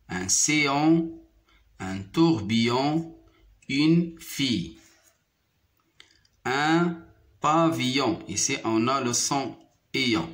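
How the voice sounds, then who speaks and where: A man with a Moroccan accent teaching a French phonics lesson, repeating each word slowly and carefully. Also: medium pitch. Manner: slow, deliberate syllable-by-syllable repetition. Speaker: primary school French teacher.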